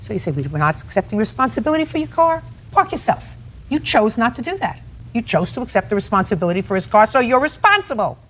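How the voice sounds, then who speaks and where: Woman judge, lively pitch, cuts people off, scolds, faint background hiss. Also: fast. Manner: sharp, interrupting, scolding. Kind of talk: courtroom questioning.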